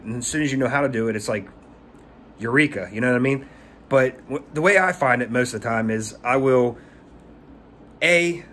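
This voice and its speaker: Holding his phone at arm's length in a small room, a man in his thirties who runs a pressure washing business offers meandering tips for his vlog, tripping over and repeating words. The voice is mid-range and fairly bright against slight background noise.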